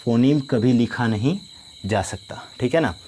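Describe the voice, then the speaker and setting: A male teacher giving a grammar lesson, dictating definitions slowly and often asking if students follow. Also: medium pitch, expressive, warm tone, slight background noise. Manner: slow, repetitive dictation with frequent "ठीक है ना?" check-ins.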